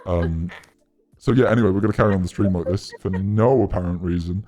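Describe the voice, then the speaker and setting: A British man using a voice changer to do a mock-serious impression of a very deep-voiced young man, pretending it is his natural voice. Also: quick pace, mellow, faint music behind. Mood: deadpan. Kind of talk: casual livestream banter.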